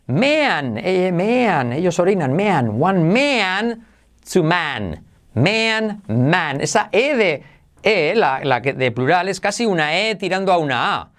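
A lively English lesson led by a man. He speaks slowly and carefully, with a voice that leaps up and down in pitch, and slips into snatches of song to drill words. His voice sits a little on the high side for a man. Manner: animated, switching between Spanish and English, sings snatches of songs. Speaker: English teacher.

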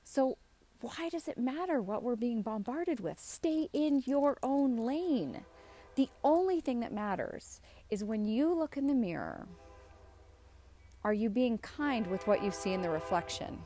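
A woman's voice: a little high, lively intonation, measured pace, dark tone. A middle-aged woman giving a casual, earnest motivational talk as a coach, speaking out of the side of her mouth and checking in with emphatic questions. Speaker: self-esteem coach hosting a show.

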